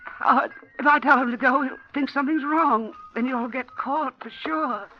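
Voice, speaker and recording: An actress in a 1940s radio drama plays a frightened old widow held captive in her home, the heroine and narrator, pleading and trying to placate her captor. Her voice sits high at a normal pace and is lightly acted. The audio is a dull 1940s broadcast with a little hiss or hum.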